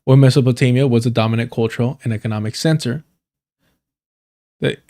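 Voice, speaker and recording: A man hosting a livestream reads an article aloud, frequently tripping over words, correcting himself, and apologizing. His voice sits at a medium pitch with a dark tone, and he speaks fairly quickly in a steady manner.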